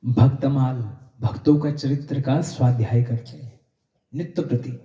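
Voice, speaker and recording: A man's voice: medium pitch, steady tone, a little slow, mellow, distant mic, highs cut off. A male preacher giving a devotional sermon, telling stories and addressing the audience emphatically. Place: satsang hall. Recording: echoey room.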